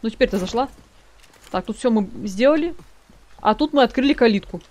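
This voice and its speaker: Woman gamer, slightly high voice, loose chatty commentary to her viewers while she plays. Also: animated, fairly quick, darkish tone. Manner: chatty, talks to viewers as "guys", reads notes aloud. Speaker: let's play gamer. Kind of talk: casual gameplay commentary.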